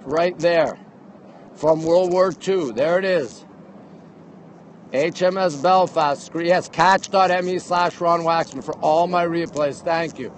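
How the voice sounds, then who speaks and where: Wind and light street noise fill this phone recording of a high-voiced Montreal man giving a casual live walking tour from a city bridge by a river. He talks to viewers in short, eager bursts, often repeating phrases.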